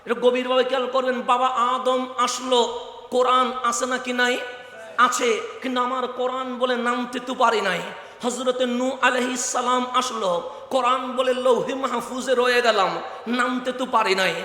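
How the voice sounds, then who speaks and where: A very high, bright male voice with a Chittagonian accent preaches a waz sermon. He repeats phrases in a chanting rhythm and rises into loud shouts. His voice rings through an echoey hall with a long reverb tail. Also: level tone, unhurried. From Chittagong, Bangladesh. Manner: rhythmic repetition building to loud shouted climaxes.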